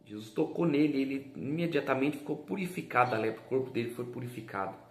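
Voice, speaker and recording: A man's voice: medium pitch, fast, reverberant. A man preaching a sermon, reading scripture and explaining it fervently, calling his listeners brothers.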